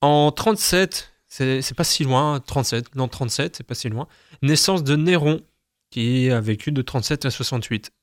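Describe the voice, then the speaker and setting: A young man reads out the day's almanac in a loose, chatty way, joking at his own slips. His voice sits at an ordinary middle pitch. The recording is dry and close, with no room sound. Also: moderate pace, no echo. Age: young adult. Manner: chatty, self-mocking, stumbles over words. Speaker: host. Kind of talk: casual reading of daily almanac.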